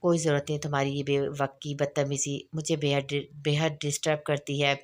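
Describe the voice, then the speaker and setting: A woman's voice: low-pitched, little pitch movement, a little fast, close to an everyday voice. A woman reading a novel aloud and voicing a young wife who answers her husband in a plain explaining tone. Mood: sulking. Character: young wife, defensive but soft.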